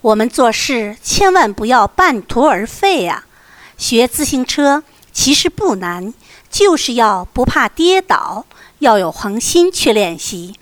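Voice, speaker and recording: A woman's voice: on the high side, big pitch swings, a little slow, no echo. A woman reading as a kind, encouraging older brother. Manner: gentle, encouraging.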